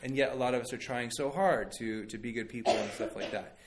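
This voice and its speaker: A man's voice: medium pitch, fairly quick. A man in his thirties, a pastor giving a conversational sermon and telling stories with many fillers and restarts.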